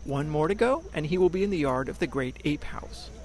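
Animated American radio reporter, higher-pitched man. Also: brisk. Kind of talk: scripted radio feature narration.

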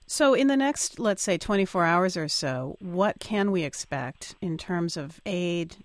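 American woman, radio news interviewer, lower register, close dry sound. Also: expressive, unhurried, dry recording. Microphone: close studio microphone.

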